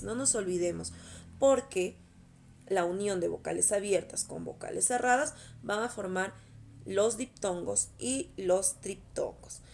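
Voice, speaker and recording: A woman's voice: mid-range voice, vocal fry, slight background noise. A woman teacher patiently explaining a lesson to schoolchildren, often checking in with short questions. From Peru. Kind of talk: recorded online class explaining over slides.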